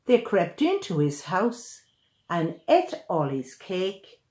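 Recorded in a small room at home, this older woman in her sixties reads aloud from a picture book she wrote herself, aimed at children. She tells the story in an animated, expressive, unhurried way with a fairly low pitch.

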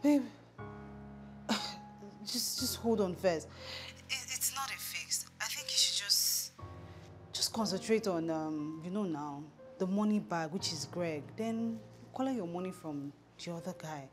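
A woman's voice: on the low side, measured pace, natural voice. A woman with a Nigerian accent playing a pragmatic, scheming young friend in a film drama, casual in delivery. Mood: surprised, advising. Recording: music clearly under dialogue.

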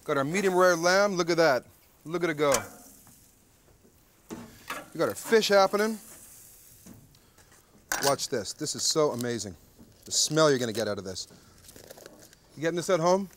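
A man's voice: on the high side, expressive, normal speed, pauses often, fairly bright tone, a little hiss or hum. A man in his thirties hosting a TV cooking show at an outdoor grill, chatty and joking, often tagging lines with "okay?". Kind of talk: jokey TV cooking demonstration. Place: outdoor backyard grill deck.

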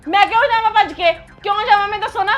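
A woman's voice: very high-pitched, very fast, a bit bright, highs cut off, faint music behind. An actress playing a fed-up young wife who complains indignantly about her husband. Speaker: actress in a family skit.

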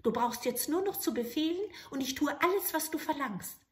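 A woman voicing a small grey magic man who eagerly serves, talking quickly. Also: expressive. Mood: obliging. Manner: quick, obliging, higher than the narrator.

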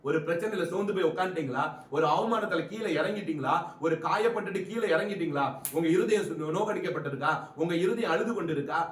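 A man's voice: sits high, fast talker, hardly any pauses, roomy sound, recorded from a distance. A man preaching a fervent sermon, building rhythmic repeated phrases and calling on his listeners to answer.

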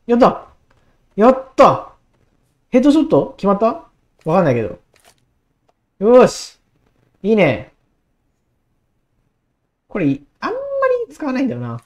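A woman in her twenties, a gaming YouTuber with a mid-range voice, gives casual commentary as she plays. She gets excitable, talks to herself, and repeats words in quick bursts.

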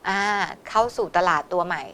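A woman teaching a test-prep lesson, explaining in Thai and reading English exam lines slowly. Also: lowish voice, a bit bright, clear, resonant tone.

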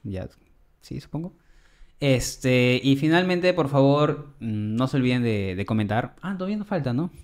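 Joven peruano invitando a los oyentes. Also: male voice, medium pitch, animated, moderate pace, a little mellow. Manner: chatty, backchanneling, addresses listeners directly. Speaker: podcast co-host. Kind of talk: casual chat.

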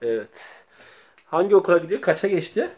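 A man's voice: high-pitched, sing-song, a little fast, dull audio. A man playing with his small child, coaxing and repeating words over and over. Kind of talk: playful home video chat with a child.

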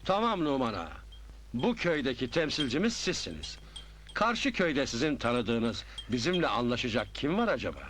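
A man's voice: mid-range voice, very animated, moderate pace, natural voice. An actor playing a polite, calculating businessman who talks in a businesslike way, in a 1980s film. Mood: scheming. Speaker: businessman buying land. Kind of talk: 1980s film drama acting.

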